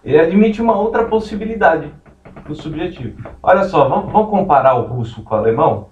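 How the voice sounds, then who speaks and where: A man's voice: fairly high pitch, animated, brisk, darkish tone, a little hiss or hum. A man lectures on law in a roomy space, his voice distant from the microphone. He explains at length, drifting off on tangents as he writes on the board. The recording is muffled and lo-fi. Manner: explanatory, digressive, writes on board while talking.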